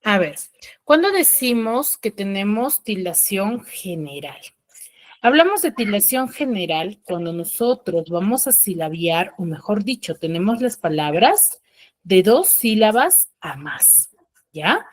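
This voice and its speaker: A woman's voice: mid-range voice, big pitch swings, measured pace. A woman teacher giving an online class over a video call, often checking in with short questions to her pupils.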